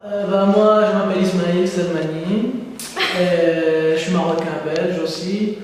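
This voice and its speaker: A man's voice: high-pitched, fairly even intonation, measured pace, darkish tone, far from the mic. Young man, fillers, echoey hall. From Morocco. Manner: rambling, many fillers. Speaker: student. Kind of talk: casual group video.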